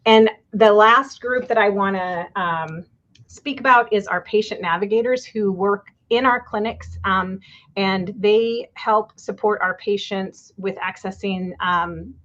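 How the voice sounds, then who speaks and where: A woman's voice: mid-range voice, unhurried, a bit bright. Woman presenting over dull call audio. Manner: hesitant, many fillers. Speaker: health services presenter. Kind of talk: webinar presentation. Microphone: video call.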